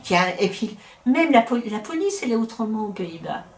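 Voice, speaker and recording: Speaking fairly quickly in a slightly high, sing-song voice, a middle-aged woman from France chats opinionatedly in a casual interview. She often stops and restarts her sentences, and the recording carries a roomy echo.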